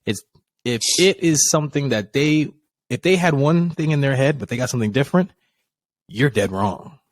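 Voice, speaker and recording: A man co-hosting a podcast in casual chat, telling stories with lively, acted-out dialogue and casual swearing. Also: medium pitch, moderate pace, dry recording. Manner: animated storytelling, acts out quoted dialogue, swears casually. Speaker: podcast co-host.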